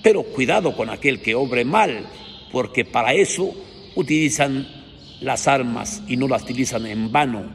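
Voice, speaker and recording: A man's voice: medium pitch, moderate pace, a bit bright. A man with a Mexican accent preaching through folksy anecdotes, crude and colloquial, with frequent rhetorical tags. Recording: echoey hall, faint noise.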